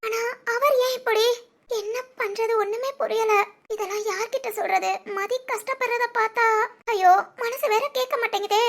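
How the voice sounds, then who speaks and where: A woman voicing a tearful young wife who complains bitterly, her voice breaking into sobs, in an animated family story. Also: extremely high pitch, normal speed, creaky. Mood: sad, worried. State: crying.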